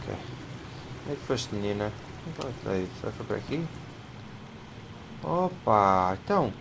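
A man's voice: on the low side, sing-song, normal speed. A man with a European Portuguese accent, commentating a horror game as he plays, muttering to himself and yelping at jump scares. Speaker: gamer playing a horror game. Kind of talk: let's play commentary. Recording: clear game noise behind voice.

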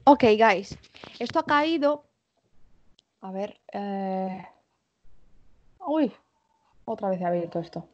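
A woman with a Spanish accent teaching an English exam-prep class online, checking in often with her students and slowing down to model English examples. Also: medium pitch, lively intonation, highs cut off, slight background noise. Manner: switches between Spanish and English, frequent "vale?" check-ins.

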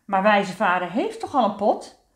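A woman's voice: medium pitch, very animated, normal speed, echoey room, natural voice. A woman voicing a curious female neighbor cat in a storybook reading.

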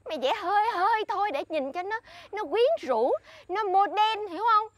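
Playing a scheming, boastful friend in a comedy sketch, this Southern Vietnamese-accented actress uses a very high, expressive voice at normal speed. She is bossy and showy as she lectures the other woman.

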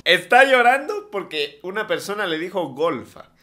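A man's voice: high voice, very animated, moderate pace, bright, forceful tone, soft background music. A young man doing sarcastic reaction commentary as host, often laughing. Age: young adult.

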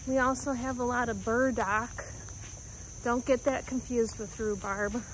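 A woman calmly narrating a walk through her woods, pausing often as she points out plants and animals. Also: on the high side, slight background noise, low-quality recording. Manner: calm, unhurried, pausing often. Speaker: homestead vlogger. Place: outdoors in woods by a creek. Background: faint insects and outdoor ambience.

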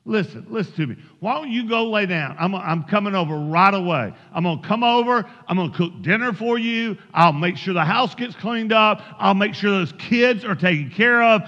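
A man's voice: high-pitched, animated, moderate pace, hardly any pauses, bright, forceful tone, in a large hall, dull audio. A man voicing a kindly, motherly woman friend who speaks in a soothing, reassuring way.

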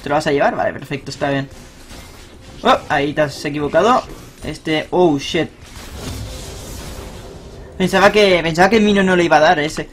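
A young man talks through his own match as he plays. His voice sits high for a man and jumps up in loud bursts of cheering, then drops back to quick, muttered analysis. A faint hiss of background noise runs under the talk. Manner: excitable, swears and shouts on big plays. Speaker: gaming streamer. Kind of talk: live gameplay commentary.

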